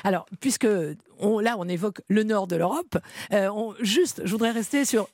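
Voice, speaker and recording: A woman's voice: mid-range voice, normal speed, a little mellow. A woman hosting a radio interview, asking playful, probing questions. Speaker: radio host. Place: radio studio.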